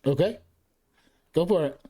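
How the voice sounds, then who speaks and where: A man's voice: fairly high pitch, unhurried, breathy edge. A man talking in a casual, playful way while running a tabletop role-playing game. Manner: animated, playful.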